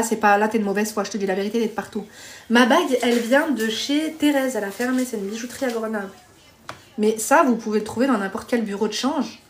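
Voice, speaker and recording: A woman's voice: fairly high pitch, a little hiss or hum. A woman hosting a live stream, chatting bluntly with viewers, reading their comments and giving dating advice while calling them pet names.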